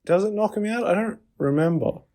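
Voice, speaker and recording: A man's voice: sits high, brisk, mellow. A man co-hosting a casual gaming podcast, mostly chiming in with short agreements and questioning asides. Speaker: podcast co-host.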